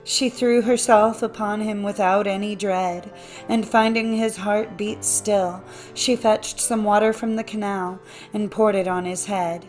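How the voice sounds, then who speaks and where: A woman's voice: medium pitch, fairly even intonation, measured pace, a little mellow, faint music behind. Woman narrating a fairy-tale audiobook. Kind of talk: scripted storybook narration.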